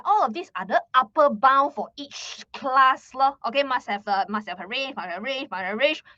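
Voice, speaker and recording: A young woman with a Malaysian English accent walks viewers through a live math lesson in a high, animated voice that rises and falls a lot. She is chatty and repeats words as she goes. The recording is dry and a little muffled. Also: no echo. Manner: chatty, repeats words, ends phrases with "lah". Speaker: math teacher.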